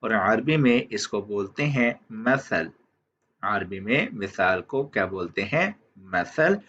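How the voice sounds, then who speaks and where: A man teaching vocabulary, who says each word and then says it again slowly, often checking in with "theek hai". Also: on the low side, expressive, fairly bright tone, a little hiss or hum. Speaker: language teacher. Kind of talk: slow vocabulary lesson. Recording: dull lo-fi audio.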